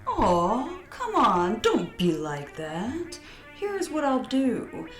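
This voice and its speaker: A woman voicing a cold, mocking male alien invader who speaks slowly and taunts his captives. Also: a little high, huge pitch swings, reverberant, faint music behind, pitched above the performer's own voice, exaggerated voice. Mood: menacing. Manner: slow, sneering, taunting.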